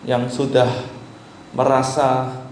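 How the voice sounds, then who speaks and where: A male pastor preaching an animated sermon, swinging between loud and hushed, now and then mimicking pleading voices. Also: medium pitch, slow pace. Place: church hall. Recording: very echoey church with faint background noise.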